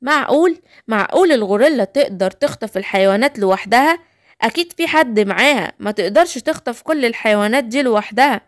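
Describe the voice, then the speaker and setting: A woman's voice: a little high, animated, fast, no echo, studio quality, lightly acted. A woman with an Egyptian accent voicing a curious male superhero who questions what happened. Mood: questioning. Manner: questioning, reasoning.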